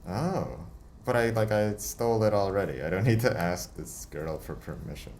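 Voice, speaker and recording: A man's voice: on the low side, lively intonation, normal speed, a little mellow, slight background noise. A man giving casual, chatty commentary while playing a video game. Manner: chatty, laughing, self-talking. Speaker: let's play host.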